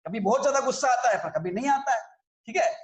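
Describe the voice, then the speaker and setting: A man's voice: extremely high pitch, animated, fast talker, roomy sound. A man teaching a religious scripture class, explaining in a conversational way and often checking that his listeners follow.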